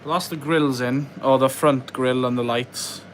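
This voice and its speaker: This young man from West Wales has a mid-range voice, fairly even intonation and a normal speaking speed, with slight background noise. Chatting casually on his live stream, he works on a model farm at an indoor workbench, muttering and reading viewer questions aloud.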